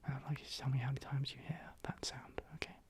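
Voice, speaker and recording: Someone in a whispered role-play as a calm, attentive clinic assessor, giving instructions softly and breathily and gently repeating phrases. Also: medium pitch, quick pace. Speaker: ASMR performer.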